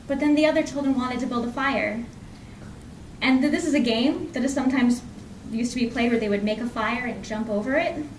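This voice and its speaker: Recorded from afar in an echoey library room with a little noise, a woman with a high voice performs an oral folk tale before a live audience. Her telling is conversational and vivid, using pauses and repeated lines for effect.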